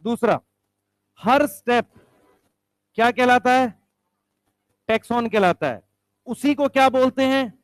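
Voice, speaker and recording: A man lectures on biology in a high voice, asking questions and answering them himself. He slows down to stress key terms. The recording is close and dry, with no room sound. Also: no echo. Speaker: biology teacher. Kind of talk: classroom lecture.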